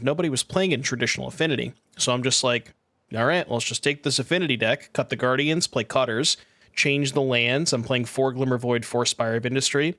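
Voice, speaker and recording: Animated man chatting on a podcast. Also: medium pitch, dry recording, clean studio sound. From Connecticut. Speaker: podcast co-host. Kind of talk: casual chat.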